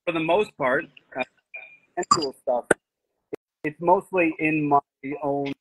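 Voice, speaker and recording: A man speaking as a guest woodworker over a video call, his audio glitching and dropping out in gaps, so his phrases come through halting and fragmented. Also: a little high, noisy background. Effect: glitchy audio cutting out in gaps. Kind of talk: casual live-stream chat.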